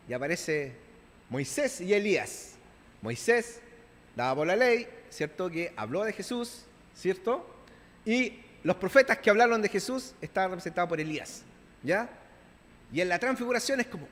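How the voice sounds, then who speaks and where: A man's voice: high voice, sing-song, moderate pace, long pauses, fairly bright tone. A man with a Chilean accent preaching a conversational sermon to his congregation, often checking in with them and acting out scenes. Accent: Chilean Spanish. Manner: acts out biblical dialogue in playful voices. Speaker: pastor. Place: church. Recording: long reverb of a church hall.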